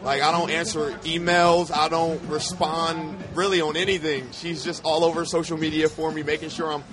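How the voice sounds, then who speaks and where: A man in his thirties, an athlete and coach, talking casually in an interview in long, energetic run-on lists. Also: fairly high pitch, normal speed, a crowd in the background.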